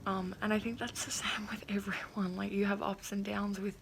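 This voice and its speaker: A woman's voice: medium pitch, little pitch movement, normal speed, creaky, a little hiss or hum. A woman in her twenties talking with a sore, puffy jaw that slightly impedes her speech, in a casual, candid and hesitant video diary. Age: 20s. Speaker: vlogger.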